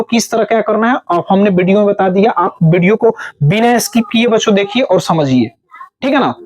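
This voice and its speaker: High-voiced male teacher drilling children. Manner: addresses children constantly, repeats key words, asks rhetorical questions. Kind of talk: classroom lesson video.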